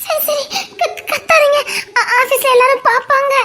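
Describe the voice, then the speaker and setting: Feisty young heroine, voiced by a woman, scolding and flustered, very high-pitched. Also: expressive, normal speed, fairly bright tone. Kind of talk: amateur audio drama.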